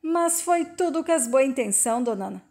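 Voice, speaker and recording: A woman voicing a remorseful middle-aged rancher, with countrified, soft, pleading speech. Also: high-pitched, expressive, fairly quick.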